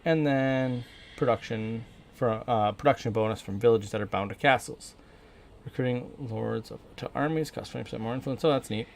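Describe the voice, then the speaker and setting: An American man of medium pitch gives casual live-stream game commentary. He rambles informally, thinking out loud as he plays. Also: moderate pace, creaky. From northern Minnesota, USA.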